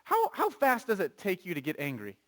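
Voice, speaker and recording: A pastor preaching a sermon, conversational and animated, asking the congregation questions and reading scripture aloud. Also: male voice, high-pitched, a little fast.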